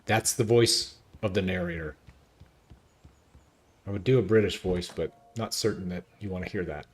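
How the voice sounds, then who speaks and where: Excitable male game streamer. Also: deep voice, normal speed. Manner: excitable, chatty. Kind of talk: casual gameplay commentary.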